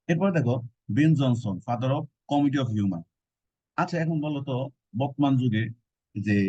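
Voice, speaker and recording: A man's voice: mid-range voice, dark tone, dry recording. A male teacher gives a casual exam-prep lecture, explaining with joking memory tricks and colloquial asides. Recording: dull, dry lo-fi recording.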